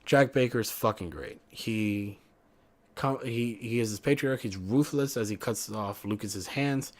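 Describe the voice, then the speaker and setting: A man's voice: on the low side, unhurried. A young man giving a casual, profane, rambling game review, often correcting himself mid-sentence.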